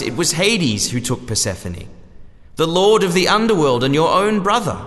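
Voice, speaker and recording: A man's voice: fairly high pitch, fairly bright tone, long reverb tail, voice pushed up. A man doing a lordly all-seeing sun god. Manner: rhyming, stately speech.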